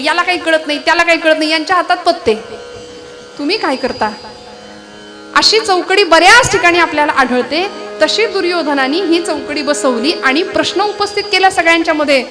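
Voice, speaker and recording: A woman preacher telling an epic story in a devotional kirtan, lively, with rhetorical questions and asides to the crowd. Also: high-pitched, a little fast, faint music behind.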